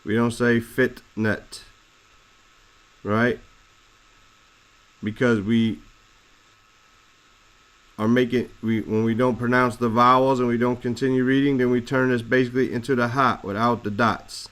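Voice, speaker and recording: A man teaching a lesson, explaining Arabic words slowly and deliberately, spelling out letters and roots. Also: mid-range voice, little pitch movement, a bit bright, poor audio. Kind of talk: classroom explanation of Arabic text.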